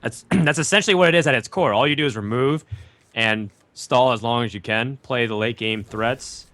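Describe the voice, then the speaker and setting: A man's voice: mid-range voice, moderate pace, fairly bright tone, no room sound. A man giving live card game commentary, thoughtful and analytical, with frequent ums and likes. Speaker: esports commentator.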